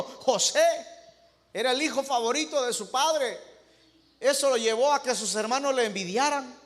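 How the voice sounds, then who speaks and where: A man's voice: high-pitched, a bit bright. A male pastor with a Nicaraguan accent, preaching a sermon and telling stories, calling listeners brother. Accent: Nicaraguan Spanish. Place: church. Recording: echoey church hall.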